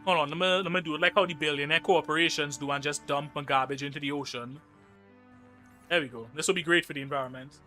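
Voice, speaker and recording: A young man from Trinidad and Tobago, with a Trinidadian accent, chats casually on a live game stream, joking and reading chat messages aloud. His voice is fairly high and his tone is steady yet sharp. He talks fast, with faint music in the background.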